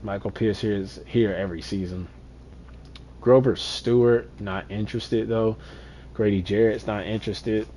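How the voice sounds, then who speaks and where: A man's voice: lowish voice, fairly even intonation, moderate pace, dark tone, a little hiss or hum. A man streaming a football video game, chatting casually to himself and sometimes ranting in exasperation. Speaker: gaming streamer. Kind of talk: casual gameplay commentary.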